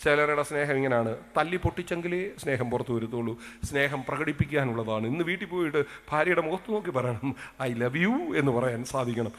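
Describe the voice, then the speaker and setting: A male pastor with a Kerala Malayalam accent delivers a lively sermon in a bright, somewhat high voice. He throws questions at the congregation and drops into soft asides. A long reverb trails each phrase. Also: quick pace. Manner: animated, swings from loud exclamations to soft asides, talks to the congregation.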